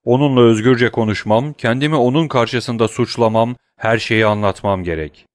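A man's voice: medium pitch, normal speed, no echo, studio quality, lightly acted. A man voicing a frantic, grieving nobleman who calls out desperately for his son in an audiobook. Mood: urgent. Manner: anguished shouting.

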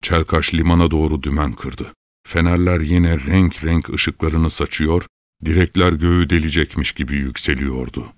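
A man narrating an audiobook story in a measured, dramatic way. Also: extremely low pitch, fairly even intonation, no room sound.

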